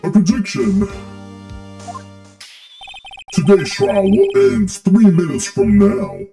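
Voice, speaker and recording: A woman's voice: medium pitch, sing-song, slow, mellow, voice pushed up. Woman acting an imperious, impatient male prosecutor. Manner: imperious, clipped declarations. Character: arrogant, domineering male prosecutor, curt and impatient. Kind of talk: video game character voice. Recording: music behind the voice.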